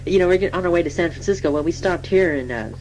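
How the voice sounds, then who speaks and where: Speaking fast in a low, darkish voice, a young adult woman improvises as a chatty, self-deprecating station typist of twenty-six, rambling and giggling through a colloquial self-introduction. The acting is light. It's a rough recording with faint music, hum and noise behind her.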